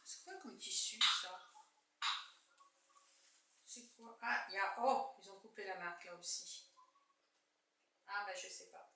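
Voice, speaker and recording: A woman's voice: on the high side, sharp tone. An older woman chatting casually to camera, exclaiming and musing aloud as she unpacks and shows clothes in a room at home. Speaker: YouTuber showing a clothing haul. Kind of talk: casual unboxing chat to camera. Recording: echoey room, distant mic, faint noise.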